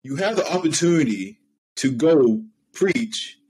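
A man's voice: fairly high pitch, animated, unhurried, darkish tone, husky, rough recording. A man in his early thirties hosting a faith podcast, enthusiastically praising what his guest says and tying it back for listeners. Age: 30s. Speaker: podcast host. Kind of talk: casual interview.

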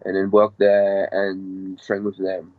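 Young fighter from Hong Kong, Hong Kong accent, halting second-language English, fairly low voice, dull dry recording. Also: male voice, completely flat delivery, no room sound. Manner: halting, hesitant non-native English with many fillers. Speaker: MMA fighter guest. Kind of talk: casual interview.

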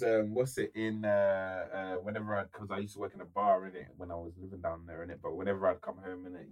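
A young man, telling stories in a casual, slang-heavy podcast chat and tagging his phrases with "innit". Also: sits low. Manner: animated, slangy, tags nearly every phrase with "innit". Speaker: podcast co-host.

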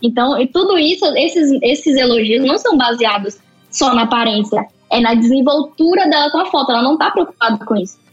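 A talkative woman with a Brazilian Portuguese accent chats as a podcast guest, her voice high and animated. The recording is dull and lo-fi. Faint music plays underneath. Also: brisk, breathy edge. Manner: chatty, animated, many fillers. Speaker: photographer guest. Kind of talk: casual podcast chat.

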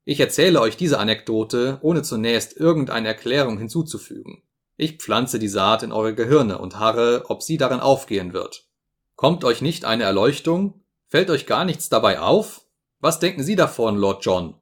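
A man's voice: mid-range voice, expressive, moderate pace, close to an everyday voice. A man voicing a pompous, self-satisfied elderly male professor in a grandiloquent, lecturing manner, read from a storybook.

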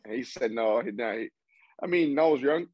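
A man's voice: medium pitch, expressive, normal speed, a little mellow, no echo, lo-fi sound. A young man from Cuba, a baseball player chatting as an interview guest, rambling with restarts. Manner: rambling with frequent restarts and laughs. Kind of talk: casual interview chat.

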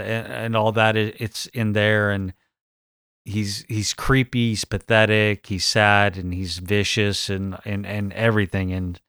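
A man's voice: fairly low pitch, fairly bright tone, clear, resonant tone, no echo, clean studio sound. A man reviewing a movie in casual podcast chat, hesitant and often restarting his phrases.

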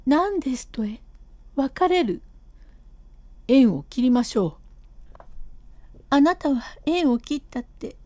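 A stubborn, proud wife played by a woman reader in a raised, insistent voice. The tone is mellow rather than bright, and the reading is close and dry, a storybook performance of a classic comic tale. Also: high-pitched, expressive, takes it slowly, pauses often, dry recording. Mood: distraught. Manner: insistent, rising and pleading.

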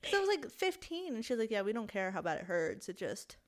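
A woman's voice: a little high, very animated, fast. A woman in her twenties co-hosting a podcast, chatty and storytelling, swearing and laughing often. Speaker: podcast co-host. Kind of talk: casual chat.

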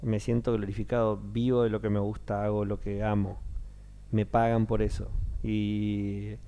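A man's voice: fairly low pitch, normal speed. A man in his thirties, a stage actor with a Rioplatense Spanish accent, talking casually in an interview and acting out the voices of people he quotes. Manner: animated storyteller, acts out quoted voices.

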